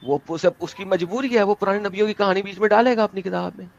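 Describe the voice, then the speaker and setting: A man's voice: high-pitched, fast, creaky. A young man hosting an online debate, talking in a theatrical, emphatic and combative way over a video call. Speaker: debate host. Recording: dull lo-fi dry sound.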